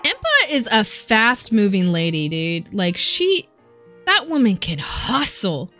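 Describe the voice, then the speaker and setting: A woman's voice: mid-range voice, wildly swooping pitch, takes it slowly, sharp tone. A young woman talks through a video game stream in a loose, chatty way, breaking into giggles and reading in-game dialogue aloud as she plays. Faint game music runs underneath her voice. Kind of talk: casual gaming commentary, reading dialogue aloud.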